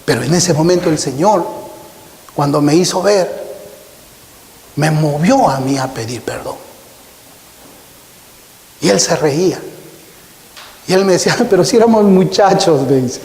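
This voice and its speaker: High-voiced pastor in an echoey hall. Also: male voice, darkish tone. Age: 50s. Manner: earnest, personal storytelling with slow emphatic repetitions. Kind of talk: sermon.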